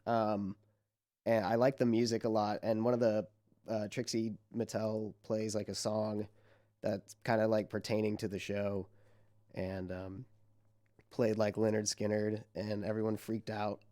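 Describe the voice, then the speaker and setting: A man's voice: lowish voice, flat delivery, unhurried, dark tone. A tired young man co-hosting a casual podcast, rambling loosely with laughs and swearing, his voice a little strained. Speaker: podcast co-host. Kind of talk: casual chat.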